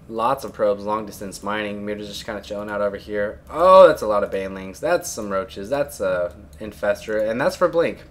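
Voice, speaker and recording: A man at home giving blunt, chatty solo commentary on a strategy game, coughing and clearing his throat often. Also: fairly low pitch, slight background noise.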